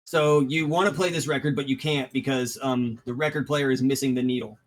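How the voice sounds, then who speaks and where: A man running a tabletop game online, describing scenes in a halting way with plenty of ums. His voice sits in a middle pitch range. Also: steady tone, poor audio. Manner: hesitant, many restarts and ums. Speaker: game master.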